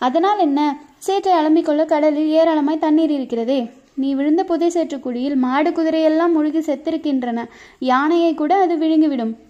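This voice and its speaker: A woman's voice: high voice, brisk, warm tone, natural voice. A woman voicing a boastful, teasing young male warrior in a storybook reading, with bantering, mock-dramatic lines. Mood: needling. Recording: dull lo-fi recording.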